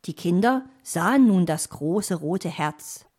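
A woman narrating a children's audio story with a gentle, animated reading. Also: on the low side, slow, husky.

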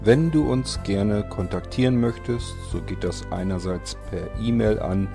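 A man's voice: lowish voice, measured pace, gravelly, music in the background. A man announcing the closing credits of an audio production in a plain, informative read. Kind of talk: scripted outro announcement.

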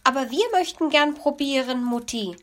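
A woman voicing a cheeky little hedgehog boy in a children's story, with a bright, childlike manner. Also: sits high, expressive, normal speed, pitched above the performer's own voice. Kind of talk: storybook reading.

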